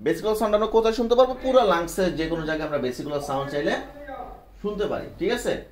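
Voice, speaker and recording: High-voiced man quizzing a class. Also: lively intonation, very fast, a crowd in the background. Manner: quizzing students often, checking understanding. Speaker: medical instructor. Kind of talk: classroom teaching. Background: students answering.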